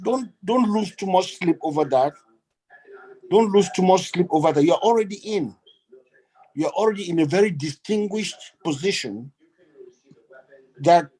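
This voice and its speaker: A fairly high-voiced man from Cameroon speaks over a video call. He talks earnestly and with emphasis, circling back to repeat his words as he builds his point. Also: a little mellow, poor audio. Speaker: guest speaker. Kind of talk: online meeting remarks.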